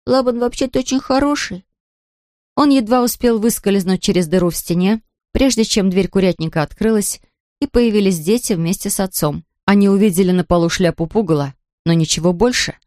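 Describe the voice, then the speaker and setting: A woman narrating a children's storybook in an expressive, even reading. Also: medium pitch, brisk, no echo, studio quality. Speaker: audiobook narrator.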